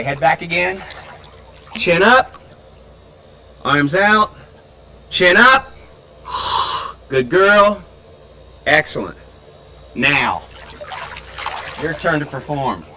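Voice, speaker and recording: A middle-aged man coaching a young swimmer in a pool, his bright, forward voice counting strokes and calling out praise. He raises his voice whenever the child's ears go under the water. A faint hum of the pool sits behind him. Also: a little high, rough recording. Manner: encouraging, counts out loud in bursts. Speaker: swim instructor. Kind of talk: instructional coaching.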